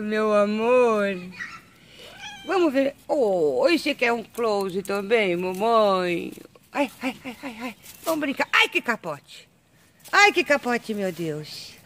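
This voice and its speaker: A Brazilian woman talks slowly and fondly, mixing unhurried chat with cooing baby talk and sudden happy squeals. She sounds close to a handheld camera while pottering around her home. A faint hum sits behind her. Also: mid-range voice. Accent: Brazilian Portuguese. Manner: doting baby talk to cats, excited squeals. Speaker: pet vlogger. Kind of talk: casual chat filming pets. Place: home garden and garage.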